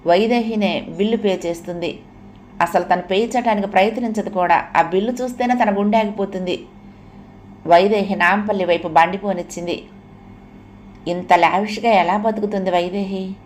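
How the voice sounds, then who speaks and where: A woman reading an audio novel aloud in a steady, even storytelling manner. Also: medium pitch, normal speed, a little hiss or hum. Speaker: audiobook narrator. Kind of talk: scripted audio novel narration.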